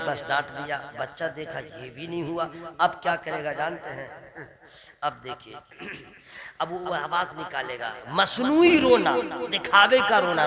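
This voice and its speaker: A man preaching a sermon to a gathering, telling a story and speaking directly to his listeners. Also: on the high side. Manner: storytelling, addressing the crowd directly. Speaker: Islamic preacher. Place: religious gathering before an audience. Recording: crowd audible behind.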